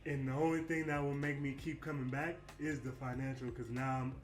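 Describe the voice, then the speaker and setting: A man's voice: medium pitch, level tone, brisk. A man in his late twenties, a basketball player talking candidly and reflectively in a casual interview. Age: 20s. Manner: candid, reflective, lots of "you know what I mean". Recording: echoey room with faint music.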